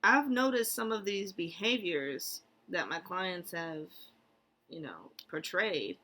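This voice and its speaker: A woman's voice: lowish voice, expressive, slow, bright, forceful tone. A woman therapist talking casually in a vlog, rambling with lots of fillers and incredulous asides.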